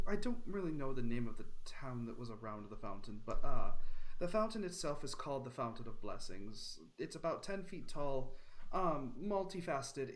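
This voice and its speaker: A man narrating as game master in a tabletop role-playing session, hesitant with many fillers. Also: on the high side.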